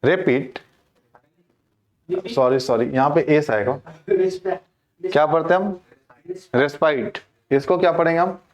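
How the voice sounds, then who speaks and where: A man's voice: on the high side, a little slow, long pauses. A male teacher giving a classroom lecture on English pronunciation. He keeps asking the class questions and then answering them himself.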